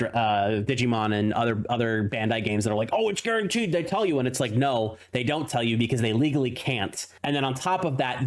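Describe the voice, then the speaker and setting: A man streaming a card pack opening, rattling off card names between chatty asides and the odd laugh. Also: medium pitch. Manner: laughs at his own tongue-twisters. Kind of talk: casual unboxing commentary.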